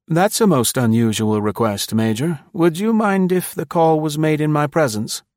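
A man reading a story aloud and voicing a courteous, obliging older ambassador with a smooth manner. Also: fairly high pitch, lively intonation, moderate pace, a little mellow, no room sound, clean studio sound, voice pushed up, natural voice. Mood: genial. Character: genial older male ambassador, polished and obliging.

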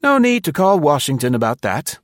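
A man reading a story aloud and voicing a courteous, obliging older ambassador with a smooth manner. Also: a little high, very animated, fairly quick, no echo, clean studio sound, voice pushed up. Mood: genial. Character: genial older male ambassador, polished and obliging.

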